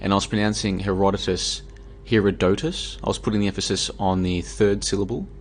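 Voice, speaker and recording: A fatigued Australian streamer talks briskly but flatly from his home room, working through an argumentative, casual rant packed with fillers and restarts. He speaks in a fairly low register, and faint hiss underlies the clip.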